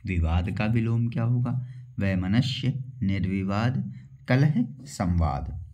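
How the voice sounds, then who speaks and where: Slow, mellow male Hindi teacher. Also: lowish voice, lively intonation, highs cut off. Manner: explains step by step, repeats questions and answers back to viewers. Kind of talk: exam-prep lesson.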